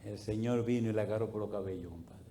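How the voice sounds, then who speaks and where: Warm-voiced storytelling pastor, man. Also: fast, a little hiss or hum. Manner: animated, colloquial storyteller who swings into loud, high bursts. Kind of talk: storytelling sermon.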